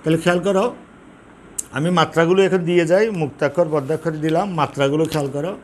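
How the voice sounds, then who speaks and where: A man teaching a lesson on poetic meter, explaining patiently, repeating key terms and counting syllables slowly. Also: on the high side, fairly even intonation, darkish tone. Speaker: Bengali literature teacher. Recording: faint background noise.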